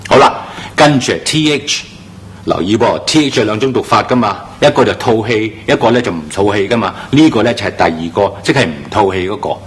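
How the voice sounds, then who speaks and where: Man, english pronunciation teacher, animated pitch, emphatic, slow drawn-out model words. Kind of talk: classroom-style pronunciation lesson.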